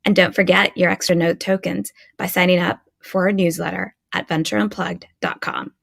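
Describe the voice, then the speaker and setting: A woman's voice: lowish voice, steady tone, normal speed, vocal fry. A woman hosting an interview podcast, reading an upbeat scripted intro and then chatting with her guest. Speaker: podcast host.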